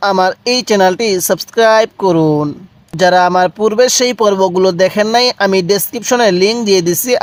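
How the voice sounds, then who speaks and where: A man teaching Quran recitation, spelling out syllables slowly and patiently for learners to repeat. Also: sits high, dry recording. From Bangladesh. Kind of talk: slow spelled-out recitation lesson.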